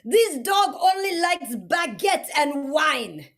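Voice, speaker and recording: A haughty, theatrical French neighbor, played by a woman doing the accent. Her very high voice leaps around widely. She speaks slowly and grandly. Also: big pitch swings, heavily acted. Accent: put-on French. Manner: theatrical, laughing and blowing kisses.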